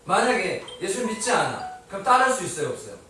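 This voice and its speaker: A man's voice: sits high, big pitch swings, fast, sharp tone, slight background noise. A male pastor preaching a sermon. He keeps asking his congregation questions and answers them himself, with a touch of light humor. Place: church sanctuary. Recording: echoey hall, mic at a distance.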